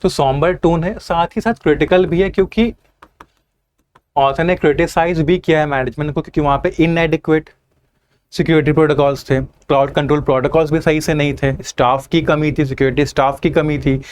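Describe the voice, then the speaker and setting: Man teaching, slow and clear. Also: a little high. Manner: reads English lines slowly, then explains in Hindi, with frequent "theek hai" fillers. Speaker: English teacher for exam prep. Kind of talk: online lesson explaining an editorial.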